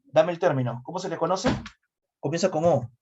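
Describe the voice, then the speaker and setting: Animated Peruvian history teacher, slightly muffled. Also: male voice, on the high side, a little fast, noisy background. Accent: Peruvian Spanish. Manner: asks students questions, animated. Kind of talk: lively classroom lecture. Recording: slightly dull lo-fi recording.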